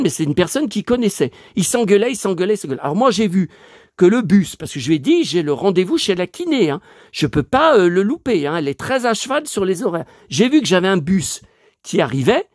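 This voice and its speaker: Here a man in his 50s with a dry mouth and a lingering cold's stuffiness delivers a loose, wandering monologue to viewers as a collector vlogger. He stumbles and starts over a lot, his voice sitting high in a dry, studio-quality recording.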